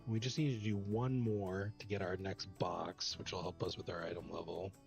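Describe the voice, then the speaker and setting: Low-voiced man commenting on gameplay. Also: moderate pace, creaky, faint music behind. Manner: relaxed, chatty, talks while playing. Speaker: gameplay guide host.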